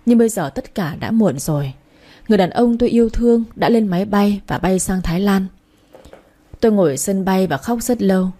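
A woman narrates a story in the first person. Her voice is mellow and warm. She reads steadily, softly and earnestly. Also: mid-range voice.

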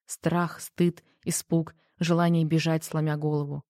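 A woman narrating an audiobook in a measured, subdued way. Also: sits low, little pitch movement, darkish tone, no echo, clean studio sound.

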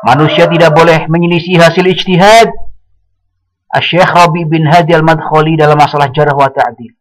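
A man giving a religious study lecture, speaking in a measured way and quoting Arabic passages. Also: on the high side, fairly even intonation, low-quality recording. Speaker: Islamic teacher.

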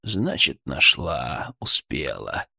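A cocky young thug in a police uniform drawls his threats in a lazy, sneering way, as a male reader voices him. The menace is quiet and the pitch wanders widely. The sound is dry and close. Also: wildly swooping pitch, unhurried, vocal fry, no echo, heavily acted. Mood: menacing. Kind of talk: audiobook character voice.

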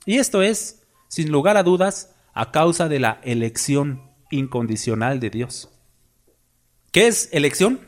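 A man's voice: a little high, very animated, measured pace. A man preaching a sermon, emphatic and full of rhetorical questions to the congregation.

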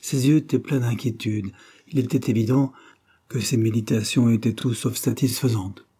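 A man's voice: fairly even intonation, moderate pace, mellow, husky. A man reading a detective story aloud as an audiobook narrator, lifting his voice for the characters' lines. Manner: raises pitch and volume to voice the characters' quoted lines.

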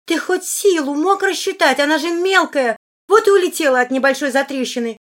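A shrill, imperious young princess, as a woman reader voices her. Her voice climbs high and loud. She snaps out every line with haughty sharpness. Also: very animated, brisk.

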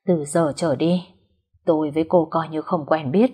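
Woman playing a bereaved young man in an audio story: raw wailing grief that turns to harsh shouting. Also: mid-range voice, normal speed, breathy edge, lightly acted. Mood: furious. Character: young grieving son turned violent, male.

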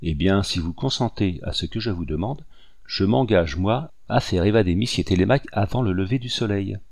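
A man voicing a cunning, scheming older woman who speaks curtly and in a hushed tone, in a dry recording. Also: fairly low pitch, moderate pace, gravelly, no echo. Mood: persuading. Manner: curt, sharp, hushed.

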